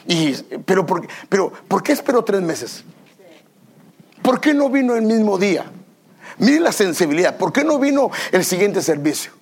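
A man's voice: sits high, sing-song, moderate pace, husky. A man, a pastor preaching a sermon to his church, telling self-deprecating stories and asking the congregation questions. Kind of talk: sermon with personal anecdotes. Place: church service.

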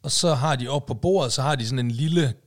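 A man co-hosting a casual podcast chat, telling long stories full of fillers. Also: medium pitch. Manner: rambling storyteller, many fillers and "du ved, ikke?". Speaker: podcast co-host.

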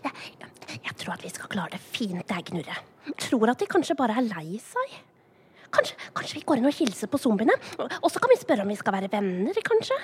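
A woman's voice: on the high side, big pitch swings, slight background noise. A woman voicing a sweet, naive young male animal in a children's audio play, earnest and hesitant. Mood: timid.

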